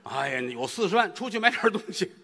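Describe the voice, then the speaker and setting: A man leads a crosstalk routine at a fast clip, his pitch jumping all over as he bursts into sound effects. His voice is bright and fairly high, and it rings with a long hall reverb. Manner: rapid animated storytelling with sound effects and quick character switches. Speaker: lead crosstalk comedian.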